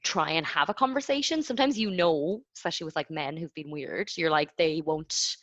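A woman's voice: low voice, brisk, fairly bright tone, no room sound. A young woman, chatting casually and animatedly as a podcast co-host, full of likes. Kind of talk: casual chat.

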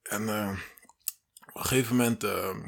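A man's voice: lowish voice, steady tone, moderate pace, gravelly. A man casually telling stories on a podcast, full of slang and English phrases, acting out other people's voices. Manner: slangy, mixes English phrases into his talk; fills with "weet je wel" and "zeg maar". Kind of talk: casual storytelling chat.

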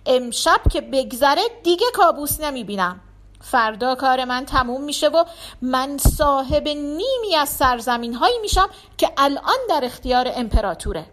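A woman voicing a proud, cruel count who plots treachery, speaking loud and gloating. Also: sits high, lively intonation.

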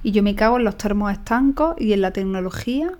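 A woman's voice: mid-range voice, lively intonation, fast, a little mellow. A woman co-hosting a casual podcast, speaking with dry humor. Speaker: podcast co-host. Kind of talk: casual chat.

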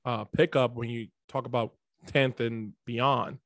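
A man's voice: mid-range voice, steady tone, unhurried, a bit bright, no room sound. A man co-hosting a sports podcast from his home computer setup, chatting loosely and rattling off stats. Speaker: podcast co-host. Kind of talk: casual fantasy football chat. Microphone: home computer setup mic.

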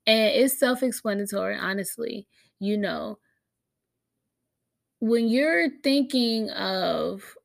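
A woman's voice: medium pitch, creaky. An American woman with a slight cold hosting a casual solo podcast, talking candidly and emphatically in slangy, often profane language. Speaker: podcast host.

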